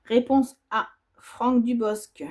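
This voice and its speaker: A woman's voice: a little high, steady tone, slow, a little mellow. A woman vlogger stitching as she talks, reading quiz options aloud and musing over them with hesitations. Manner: stitching while talking. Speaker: embroidery vlogger. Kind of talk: casual quiz while stitching.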